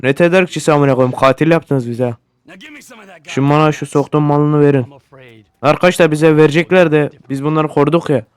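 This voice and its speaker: A man giving casual gameplay commentary for his channel, swearing a lot and often yelling at the game in excitable bursts. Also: on the high side, fairly quick, clean tone. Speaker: gaming YouTuber.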